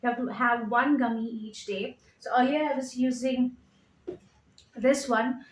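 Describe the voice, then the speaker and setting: Lady vlogging at home, kinda high voice, chatty, um-ing thru labels, roomy echo. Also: fairly even intonation, a little slow. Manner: chatty, reads out labels, trails off with fillers. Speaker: lifestyle vlogger. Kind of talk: casual show-and-tell vlog. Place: home living room.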